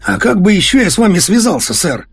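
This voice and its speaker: A flustered, grumbling mustached airline captain exclaims in a raised, strained voice, as a man puts him on. His pitch leaps around restlessly and the tone is a little husky. He sounds permanently put-upon. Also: big pitch swings, normal speed, darkish tone, soft background music, heavily acted. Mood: protesting.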